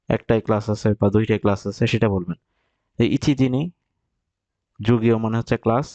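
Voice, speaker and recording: A man teaching Japanese vocabulary, explaining step by step and repeating example phrases slowly. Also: lowish voice, warm tone, no echo, highs cut off. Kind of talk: recorded vocabulary lesson.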